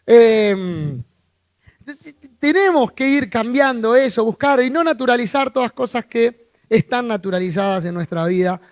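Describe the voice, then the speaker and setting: A man's voice: very high-pitched, animated, normal speed, dry recording, studio quality. A man with a Rioplatense accent, preaching as a pastor in an informal, conversational way, asking his congregation questions and slipping in jokes. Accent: Rioplatense Spanish. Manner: informal, asks the congregation questions, joking asides. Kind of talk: conversational sermon. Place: church.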